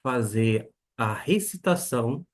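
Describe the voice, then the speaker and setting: A man teaching a beginner lesson on Koine Greek, slowly spelling out each pronunciation. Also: medium pitch, lively intonation. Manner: slow and deliberate, spelling out pronunciations.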